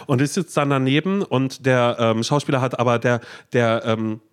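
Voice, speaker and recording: A man's voice: medium pitch, normal speed, clear, resonant tone. A man co-hosting a podcast in casual chat, spinning long rambling hypothetical stories. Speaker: podcast co-host.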